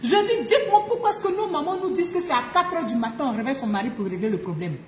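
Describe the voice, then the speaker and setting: A woman's voice: sits high, big pitch swings, fast talker, slight background noise. A woman streaming live, giving relationship advice emphatically, laughing often and repeating her key phrases. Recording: echoey room.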